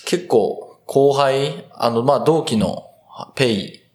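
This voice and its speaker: A young man in his twenties, a rugby player answering interview questions earnestly and thoughtfully, with many pauses and fillers. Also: medium pitch, lively intonation, darkish tone. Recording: roomy echo.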